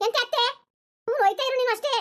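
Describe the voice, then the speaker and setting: Someone voicing a furious cartoon mother-in-law, super high squeaky voice, rapid-fire scolding. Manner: scolding, accusing questions. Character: angry village mother-in-law, scolding and harsh. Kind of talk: cartoon voice acting.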